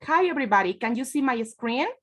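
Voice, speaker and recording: A woman's voice: on the high side, lively intonation, fast talker, a bit bright. A woman from Ecuador speaking on a video call as a conference presenter, hesitant and polite, with many fillers.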